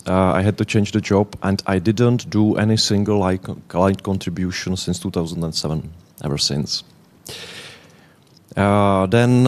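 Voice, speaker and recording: Presenting at a conference, this Czech man in his thirties speaks non-native English with a Czech accent in a very low voice. He often pauses and restarts while hunting for the right words.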